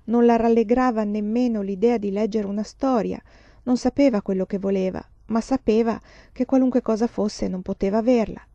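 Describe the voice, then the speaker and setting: A woman reading a novel aloud in a slow, calm, expressive way. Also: mid-range voice, no echo, lo-fi sound. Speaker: audiobook reader. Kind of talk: scripted narration.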